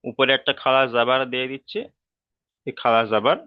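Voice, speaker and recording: A man with a Bengali accent teaching a slow, step-by-step reading lesson, patiently repeating each term and drawing out each sound. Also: medium pitch, steady tone, smooth, no room sound, highs cut off.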